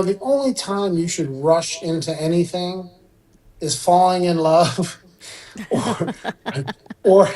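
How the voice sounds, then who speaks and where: The audio is poor, and the voice is high: a middle-aged surgeon originally from Iran, guesting on a radio interview. He explains calmly, occasionally slipping in fillers.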